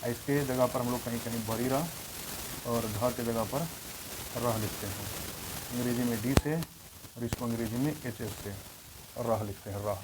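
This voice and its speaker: A man teaching Hindi grammar in a slow, repetitive classroom style, spelling out letters one at a time. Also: medium pitch, fairly even intonation, background noise.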